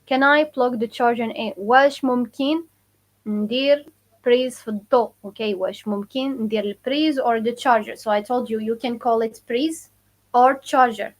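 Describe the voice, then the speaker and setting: Lady doing a live language lesson, kinda high voice, says words over and over for viewers. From Morocco. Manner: casual, repeats phrases slowly for learners; answers viewer questions. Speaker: Moroccan Arabic teacher.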